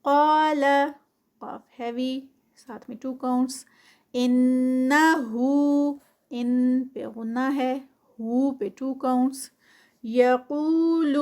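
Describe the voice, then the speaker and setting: High-pitched woman tajweed teacher; recites slowly, then explains briskly. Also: mellow. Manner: slow drawn-out recitation alternating with quick explanation.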